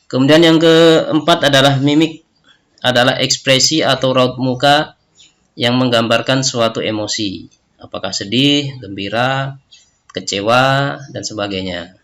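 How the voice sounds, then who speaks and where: Speaking at a medium pitch, a little slowly and with frequent pauses, this Indonesian-accented man teaches a recorded lesson. His tone is fairly bright, and he explains each step, tagging his sentences with a questioning "ya".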